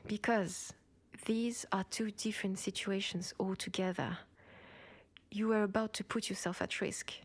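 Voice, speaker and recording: Soft-voiced and breathy, a woman with a French accent portrays a senior cyberpunk cop, ambitious and protective of her rookie, in an intimate sci-fi audio roleplay heard from one side only. Her mid-range voice is fairly even and unhurried in a dry recording, and she sounds protective and earnest.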